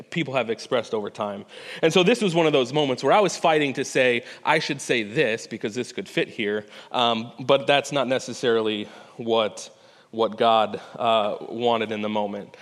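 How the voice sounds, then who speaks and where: In a church sanctuary with hall reverb, a male pastor delivers a sermon at a moderate pace in a loud, mid-range voice. His style is earnest and conversational, with frequent restarted phrases and "right?" check-ins.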